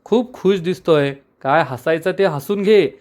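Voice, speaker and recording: A man voicing an angry, middle-aged aunt who scolds and taunts her family in a sharp tone. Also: lowish voice, measured pace, natural voice.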